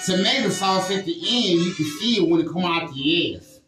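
A man swaps crude, joking stories in a loose podcast chat, his voice landing in a roomy, echoing space. Music plays clearly underneath him, and he keeps checking in with his listener. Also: high-pitched, animated, normal speed, recorded from a distance. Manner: crude, joking, keeps asking "you know what I mean?". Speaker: podcast host. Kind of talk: casual storytelling chat. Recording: roomy echo with music behind.

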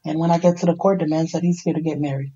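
Husky middle-aged woman, candid storyteller. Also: low-pitched, racing, lo-fi sound. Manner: emotional, animated storytelling with quoted dialogue. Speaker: podcast host sharing her life story. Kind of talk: candid personal conversation.

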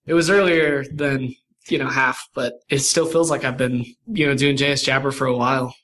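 A man's voice: mid-range voice, steady tone, moderate pace, fairly bright tone, a little hiss or hum. A man on a podcast panel, chatting casually in a rambling way with many fillers.

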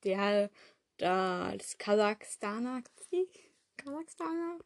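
A woman co-hosting a podcast in casual chat, eager and quick to jump in. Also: a little high, fairly bright tone. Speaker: podcast co-host.

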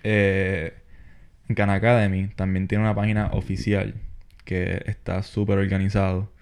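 A young man, co-hosting a podcast and calmly explaining his study plan. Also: sits low, unhurried, gravelly, smooth. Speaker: podcast co-host. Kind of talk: casual advice chat.

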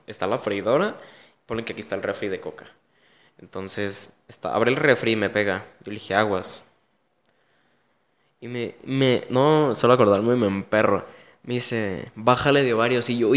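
A man's voice: mid-range voice, long reverb tail. Mexican man telling a blunt, slangy story. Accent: Mexican Spanish. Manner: blunt, slangy, emotional retelling. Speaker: guest. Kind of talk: casual storytelling in an interview.

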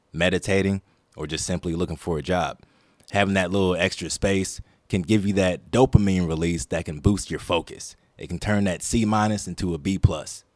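Low-voiced man hosting a casual show. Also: no echo, studio quality. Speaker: show host. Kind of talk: casual solo show talk.

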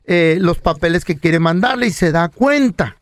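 A male radio co-host tells jokes and gossip in rapid bursts and shouts the punchlines. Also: sits high, lively intonation, no echo, clean studio sound. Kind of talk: joke and gossip storytelling on radio.

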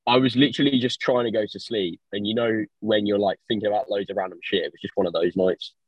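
A man's voice: on the low side, steady tone, fast talker, slightly rough, no echo. A man who is a guest on a podcast, talking sheepishly and offhand, swearing now and then. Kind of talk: casual chat. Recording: dull lo-fi sound.

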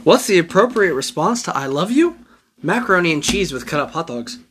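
A player joking casually through a card game, making quick asides and laughing often. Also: medium pitch, very animated, noisy background.

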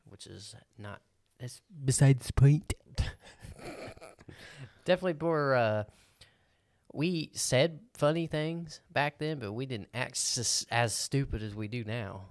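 A man's voice: medium pitch, animated, slow pace, long pauses, no room sound, clean studio sound. A man from the Midwest co-hosting a podcast, talking in a laid-back, joking and slangy way. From American Midwest. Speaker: podcast co-host. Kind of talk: casual podcast chat.

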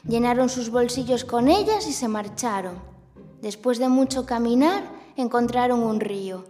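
A woman's voice: fairly high pitch, expressive, normal speed, warm tone, big-room sound. A woman speaking like a kids show host, narrating a scripted children's story to young listeners. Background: music.

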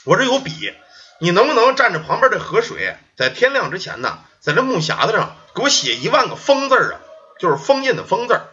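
A man's voice: high-pitched, sing-song, bright, forceful tone, muffled recording, heavily acted. Man doing an old pleading ghost. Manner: slow, pleading, old-fashioned formal speech.

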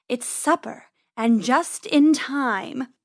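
A woman doing a slow purring menacing cat. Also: high-pitched, no room sound, clean studio sound, full character voice. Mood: silky menace. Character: sly purring female farm cat.

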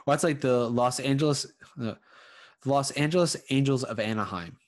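A man at a middle pitch chatting casually as host. He rambles, stumbles over repeated words and gets worked up when he argues a small point. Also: normal speed. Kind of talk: casual chat.

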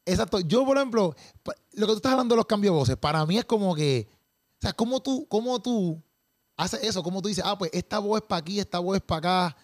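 A man's voice: high voice, animated, brisk, no echo, studio quality. A man, a comedian chatting eagerly in a casual conversation.

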